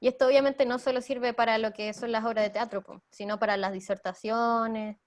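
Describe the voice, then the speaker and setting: A young Chilean woman presenting a theater workshop, explaining voice technique in a lively way and laughing easily. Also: on the high side, fairly quick. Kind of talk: online workshop talk.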